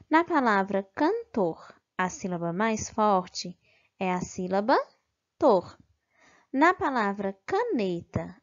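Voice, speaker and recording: A woman teacher giving a slow, careful grammar review lesson, stressing syllables and checking in with "ok?". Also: medium pitch. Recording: dull lo-fi recording.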